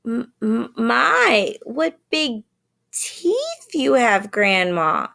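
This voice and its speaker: A woman's voice: sits high, big pitch swings, a little slow, gravelly, fairly bright tone, pitched above the performer's own voice, full character voice. A woman voicing a sweet, naive little girl in a storybook reading, with a raised, chirpy, childlike tone. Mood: scared.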